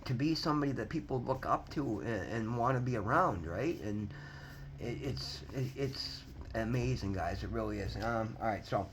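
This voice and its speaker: A man in his fifties speaks earnestly to his viewers in a casual, heartfelt motivational talk. His voice sits at a middle pitch, and he often trips over and repeats words before pressing on, with faint background noise in the recording. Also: expressive, moderate pace, low-quality recording. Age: 50s. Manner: earnest, rambling, repeats words and restarts, often says "guys". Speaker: vlogger sharing recovery story.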